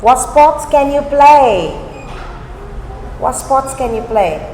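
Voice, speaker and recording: A woman's voice: high voice, animated, slow, mellow. A woman teaching English, asking a learner simple questions and giving short praise. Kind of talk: online-style English lesson questions. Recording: echoey room with faint noise.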